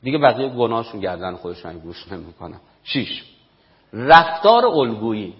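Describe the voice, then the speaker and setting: A man's voice: sits low, expressive. A man giving a lecture on parenting to an audience, stressing and repeating his key points. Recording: dull echoey hall recording.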